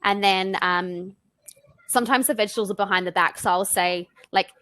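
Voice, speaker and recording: A woman's voice: medium pitch, moderate pace, fairly bright tone, dry recording. Young aussie woman chatting on a video call, easygoing, dry close sound. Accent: Australian. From Australia. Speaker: interviewee. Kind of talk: casual video call conversation.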